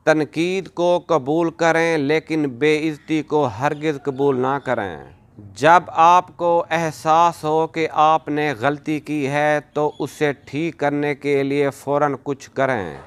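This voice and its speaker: A man with a fairly high, smooth and resonant voice reads short motivational sayings one after another. His delivery is measured and declarative, every maxim spoken as a firm, finished statement. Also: fairly even intonation. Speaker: narrator of motivational quotes. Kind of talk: scripted motivational narration.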